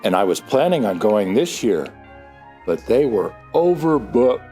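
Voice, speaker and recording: A man's voice: fairly low pitch, big pitch swings, dark tone, faint music behind. Man playing Santa Claus, jolly, lilting old man. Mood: cozy, enthusiastic. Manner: folksy, chuckling, drawn-out delivery. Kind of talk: audio drama dialogue.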